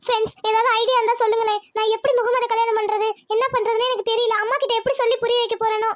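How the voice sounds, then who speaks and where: A woman's voice: very high voice, level tone, very fast. A woman voicing a nervous, evasive young daughter. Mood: fretful. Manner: pleading, evasive, stammering. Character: nervous young daughter hiding a secret romance.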